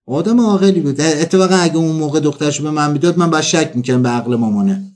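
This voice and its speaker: A man delivering a comic storytelling monologue, acting out the people he quotes. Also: a little high. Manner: animated, acts out quoted dialogue.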